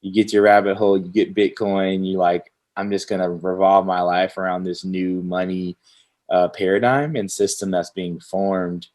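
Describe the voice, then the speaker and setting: A man's voice: low-pitched, level tone, moderate pace, a little mellow. A man hosting a casual crypto interview podcast, upbeat and full of slang. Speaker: podcast host. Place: Houston.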